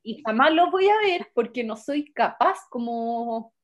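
An animated woman with a Chilean accent tells stories in casual chat, repeating her phrases and mocking herself. Her voice sits a little high. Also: measured pace, crowd noise. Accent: Chilean Spanish. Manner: expressive storyteller, self-mocking, repeats phrases.

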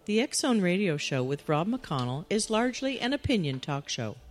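A woman's voice: fairly low pitch, sing-song, moderate pace. A woman reading a scripted disclaimer as a radio announcer.

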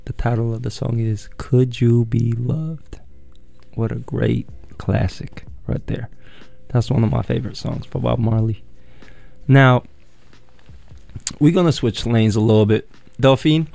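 A man from Yemen hosting a radio show, chatting in a relaxed way and telling stories. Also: medium pitch, measured pace, gravelly, dry recording. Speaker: radio host. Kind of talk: casual radio chat. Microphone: studio microphone.

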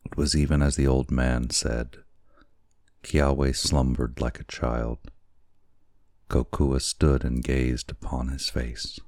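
A man narrating a classic story as an audiobook, in a measured, deliberate reading. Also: very deep voice, little pitch movement, darkish tone, dry recording, clean studio sound.

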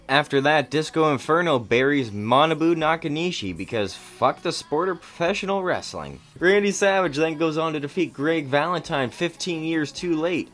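A male host with a fairly high voice gives casual retrospective commentary on wrestling. He is sardonic and irreverent, swears freely, and talks like an opinionated fan. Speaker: wrestling history show host.

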